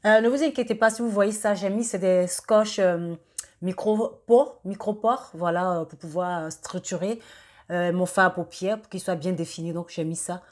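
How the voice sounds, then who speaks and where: A young woman talking through a makeup tutorial in a casual, halting way, with many fillers and restarts. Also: lowish voice, steady tone. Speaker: beauty vlogger.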